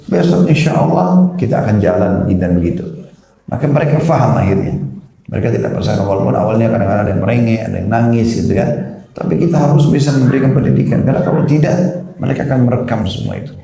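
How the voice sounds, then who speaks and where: A man's voice: mid-range voice, quick pace, creaky, dark tone. A middle-aged man preaching a sermon, explaining step by step and acting out questions from parents and children. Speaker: Islamic preacher. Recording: echoey room.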